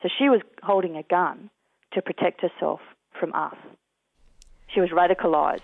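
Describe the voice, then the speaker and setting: Australian man, gravelly voice over phone. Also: sits high, no echo. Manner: earnest, measured storytelling. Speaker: guest, peace activist. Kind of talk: recounting experiences in an interview. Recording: tinny dry phone line.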